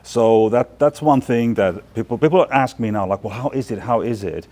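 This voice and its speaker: A man from Finland in his forties with a warm, medium-pitched voice speaks at a moderate pace as a guest and fashion department chair. His interview answers are thoughtful and chatty, with many fillers and restarts, recorded indoors in a spacious, bright studio loft.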